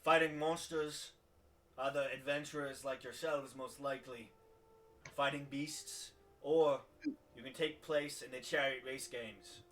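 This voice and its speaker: Bright-voiced man running a tabletop game. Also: mid-range voice, fairly even intonation, distant mic. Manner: halting, full of fillers. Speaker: game master.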